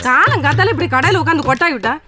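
An actress playing a sharp-tongued village shopkeeper's wife who talks shrilly in a film comedy. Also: female voice, lively intonation, racing. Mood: scolding. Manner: shrill, scolding then panicky. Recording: film soundtrack with loud music.

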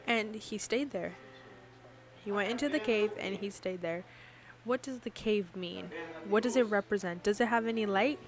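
A woman's voice: mid-range voice, moderate pace, a crowd in the background. A woman giving an interpreted sermon in a preaching cadence, often putting questions to the congregation.

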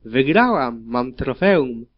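A man voicing a cruel, haughty female griffin arena champion who speaks loud and commanding, on a dull lo-fi recording. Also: mid-range voice, animated, measured pace, lightly acted. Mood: gloating.

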